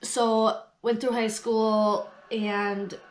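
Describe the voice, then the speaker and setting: A woman with a stuffy nose from a cold, telling her personal story candidly and pausing often as she remembers. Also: on the high side, level tone, a little hiss or hum, low-quality recording. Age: adult past late twenties. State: has a cold.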